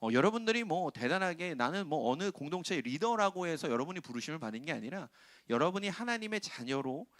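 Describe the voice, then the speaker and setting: A man's voice: on the high side, a bit bright, no room sound. A middle-aged man preaching to young adults, conversational, often questioning the congregation and acting out quoted lines. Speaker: pastor.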